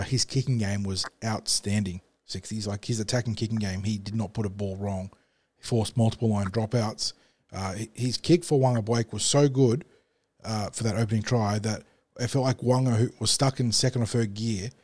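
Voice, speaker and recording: A man's voice: lowish voice, fairly even intonation, moderate pace, darkish tone, no room sound. A man co-hosting a podcast, analysing a match in long, fluent runs. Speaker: podcast co-host. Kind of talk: casual sports analysis.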